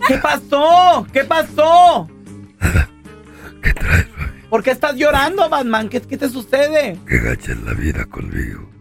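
A man's voice: extremely high pitch, lively intonation, slow pace, soft background music, exaggerated voice. A man voicing a heartbroken, sobbing Batman who talks in Mexican slang and wails about his troubles. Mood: upset.

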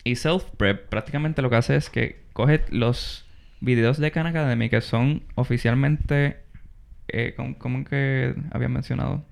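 A man's voice: medium pitch, fairly even intonation, measured pace, vocal fry. A young man, hosting a casual advice podcast and often restarting his words. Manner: restarts words, mixes in English terms. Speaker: podcast host.

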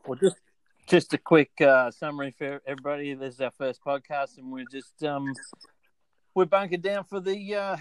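A man's voice: fairly high pitch, moderate pace, clear, resonant tone, poor audio. An Australian man hosting a casual podcast chat in a laid-back, jokey way. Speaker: podcast host.

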